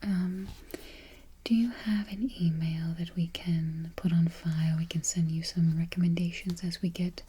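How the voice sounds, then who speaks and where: A woman in a whispered role-play as a friendly, patient librarian, speaking in a breathy library whisper with gentle, reassuring murmurs. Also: lowish voice, fairly even intonation, measured pace. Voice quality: whispered, breathy, soft-spoken. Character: friendly, patient small-town female librarian registering a patron. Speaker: ASMR performer. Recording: noisy close recording, keyboard clicking.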